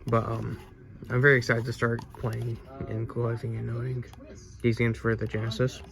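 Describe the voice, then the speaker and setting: A man hosts a casual retro game haul video at an ordinary middle pitch. He rambles, stumbles and restarts his sentences. His voice sounds a little stuffy from allergies. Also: completely flat delivery, moderate pace, gravelly, crowd noise. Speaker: game collecting channel host. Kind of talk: casual haul video, reading game back covers aloud.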